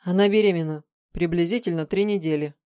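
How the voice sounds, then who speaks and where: A woman voicing a calm, clinical male analyst. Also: lowish voice, smooth, no echo, clean studio sound, lightly acted. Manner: measured, formal.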